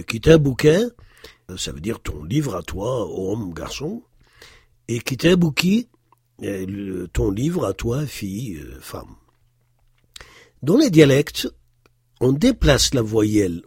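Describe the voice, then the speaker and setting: Slow, husky male explaining patiently. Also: medium pitch, a little mellow, dry recording, studio quality. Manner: patient, explanatory, frequent hesitations, stresses example words. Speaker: Arabic teacher. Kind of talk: slow spoken lesson walking through worksheets.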